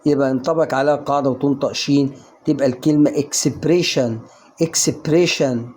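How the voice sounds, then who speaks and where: A man's voice: medium pitch, flat delivery, racing, warm tone, a little hiss or hum. An Egyptian man teaching English pronunciation in a casual online lesson, coaxing the viewer with questions he answers himself. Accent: Egyptian Arabic.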